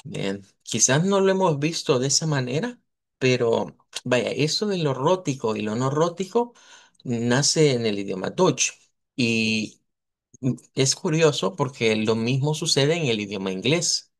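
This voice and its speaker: Teaching a live online language class, a man with a mid-range voice and lively intonation explains at length and models sounds slowly. He often checks in with his students, asking "verdad."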